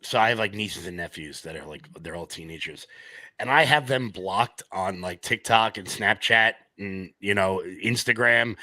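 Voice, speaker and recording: A man on a casual panel chat who talks in a joking, sarcastic way with animated asides. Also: fairly low pitch, no echo, poor audio.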